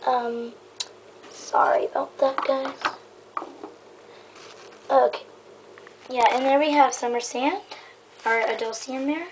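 A young vlogger with a fairly high voice gives a loose, casual show-and-tell of her toy horse stable, rambling and saying "um" and "so yeah" frequently. She is indoors on her bedroom floor, recorded by a handheld camera mic. The audio is rough, with slight background noise.

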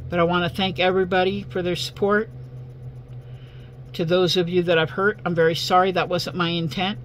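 A woman with a hoarse, failing voice addresses her viewers casually as an online host, in a halting, earnest way. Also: lowish voice, little pitch movement, low-quality recording. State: hoarse, losing voice. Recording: faint background hum and noise.

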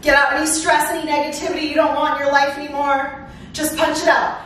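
A middle-aged woman coaching a workout as an energetic, encouraging aerobics instructor, exerting herself as she calls out cues and countdowns. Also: sits high, fast. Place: living room at home, indoors. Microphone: far camera. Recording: echoey room, far microphone, faint noise.

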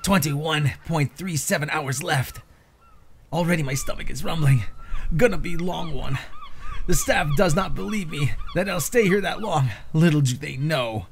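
A man's voice: fairly high pitch, huge pitch swings, moderate pace, slight background noise. A man giving an informal, slangy, theatrically exasperated reading of social media posts.

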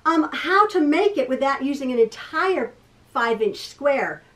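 A woman's voice: sits high, lively intonation, a little slow, a bit bright. A middle-aged woman teaching quilting in her home sewing room, thinking aloud with restarts and self-corrections in a casual tutorial. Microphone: camera across a table, from a distance. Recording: voice a little far from the mic.

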